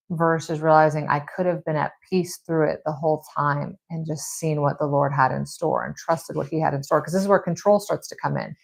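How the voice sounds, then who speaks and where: A woman's voice: low-pitched, gravelly. A woman hosting a Bible study, reading scripture and then reflecting on it in a chatty, conversational way. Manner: conversational and reflective, with frequent "like" and "you know"; reads scripture, then comments in her own words. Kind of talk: casual devotional teaching.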